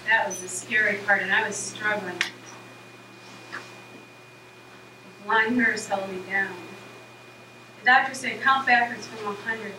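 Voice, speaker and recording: A woman playing a melancholy poet-heroine, declaiming theatrical monologues with deliberate phrasing. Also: mid-range voice, fairly even intonation, close to an everyday voice. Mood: mournful, reflective. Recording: echoey, noisy, distant room recording.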